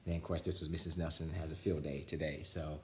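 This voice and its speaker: A man with a very deep voice reads a children's storybook aloud at a quick pace and with little pitch movement, yet still in an animated way. He chats casually with viewers and signs off at home, where roomy echo and slight background noise color the recording.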